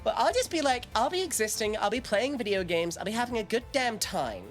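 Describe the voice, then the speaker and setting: Woman streamer, sarcastic, profane, lively pitch. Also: a little fast, soft background music. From United Kingdom. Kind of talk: casual game commentary.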